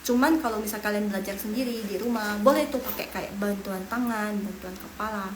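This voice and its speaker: A young Medan native with a Medan Indonesian accent teaches Mandarin live online in a casual, encouraging way, drilling tones aloud. Her mid-range voice moves fairly quickly, and the sound is reverberant with background noise.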